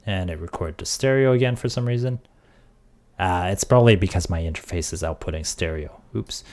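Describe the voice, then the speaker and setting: A man streaming casually, thinking aloud as he works on audio software and trailing off into quiet mutters. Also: low voice, fairly quick. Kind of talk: casual tech livestream.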